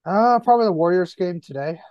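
A man's voice: high voice, expressive, fairly quick, dry recording, lo-fi sound. A man co-hosting a sports podcast in casual chat, laid-back and reacting to live games. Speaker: podcast co-host.

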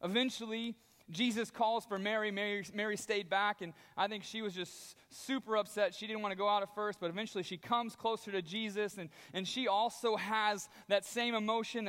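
A man preaching a sermon as a pastor, telling the story in a conversational, animated way. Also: sits high, brisk. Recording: long reverb of a large hall.

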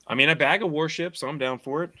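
A young man hosting a casual chat, animated and laughing as he thinks aloud. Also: fairly high pitch, fast, no room sound. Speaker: podcast host reviewing discs.

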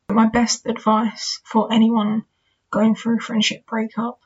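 Young woman host, casual reflective solo talk, slightly high husky voice, muffled recording. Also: completely flat delivery, a little slow. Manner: chatty, candid, reflective, with fillers like "you know" and "kind of". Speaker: podcast host. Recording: dull lo-fi recording.

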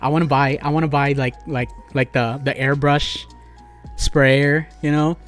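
A man's voice: fairly high pitch, flat delivery, measured pace, soft background music. A young man chatting casually with friends on a podcast, rambling with lots of "like" and restarts. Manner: rambling, many likes and restarts. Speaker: podcast co-host. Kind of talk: casual chat among friends.

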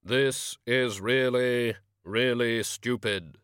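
A man voicing Death, a bony male personification of death, speaking slowly and fussily as if muffled and echoing from inside a stove pipe. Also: mid-range voice, fairly even intonation, a bit bright, smooth, studio quality. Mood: grumbling. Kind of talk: audiobook character voice.

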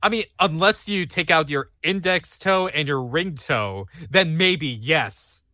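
A man co-hosting a podcast in casual, playful chat, quick to laugh. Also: a little high, animated, sharp tone, dry recording, clean studio sound. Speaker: podcast co-host.

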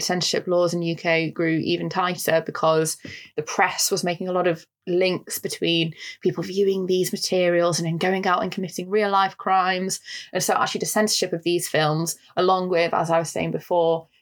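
A woman's voice: fairly low pitch, little pitch movement, normal speed. A woman with a Northern English accent, co-hosting a film podcast and explaining history in an articulate way with frequent fillers. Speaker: podcast co-host.

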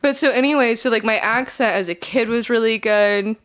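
A chatty young American woman appears as a guest on a casual podcast, laughing, swearing freely and saying "like" a lot. Her voice is a little high and fairly bright, and she talks briskly.

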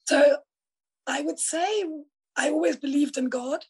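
A woman's voice: high voice, unhurried, poor audio. A woman from East Germany, a middle-aged health and life coach, telling her story in a reflective, thoughtful way during an interview. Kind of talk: casual conversational interview.

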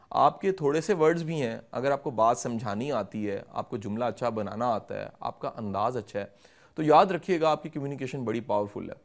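A middle-aged man answering interview questions, explaining communication skills at length in a measured, instructive way and addressing the viewers directly. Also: mid-range voice, gravelly. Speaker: guest speaker on communication.

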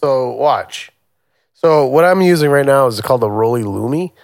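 Animated man joking around on a podcast. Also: medium pitch, moderate pace, no echo, clean studio sound. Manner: playful, rambling, joking. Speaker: podcast co-host, music producer. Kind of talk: casual chat.

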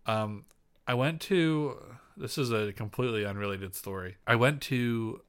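A man's voice: medium pitch, measured pace, a bit bright, clear, resonant tone. A man co-hosting a podcast, chatting casually and rambling with lots of fillers, restarts and laughs. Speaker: podcast co-host. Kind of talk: casual chat.

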